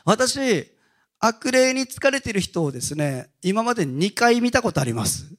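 A male pastor giving a Sunday sermon, telling stories in a casual, animated way. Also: high-pitched, normal speed. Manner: animated storytelling with casual asides.

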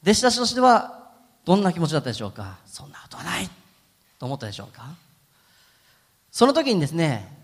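Pastor guy giving a sermon, chatty and gentle, voice bouncing up and down, hall echo trailing off. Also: fairly high pitch, huge pitch swings, quick pace, long pauses. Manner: gentle, conversational preaching with frequent fillers.

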